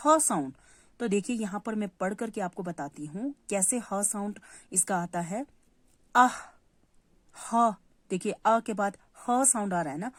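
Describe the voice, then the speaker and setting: A woman's voice: mid-range voice, darkish tone, no room sound. A woman teaching a Hindi lesson to young children, patient, repeating key words and answering her own questions. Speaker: primary school Hindi teacher.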